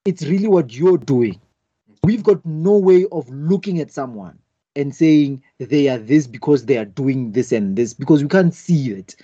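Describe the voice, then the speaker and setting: A man's voice: on the high side, expressive, normal speed, mellow, slightly rough, no room sound, muffled recording. A man in a casual debate, hesitant and searching for words as he argues a point.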